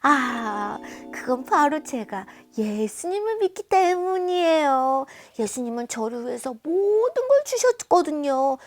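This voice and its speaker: A woman doing a gentle, kind believer. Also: high-pitched, very animated, measured pace, few pauses, soft background music. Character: kind generous believer sharing food.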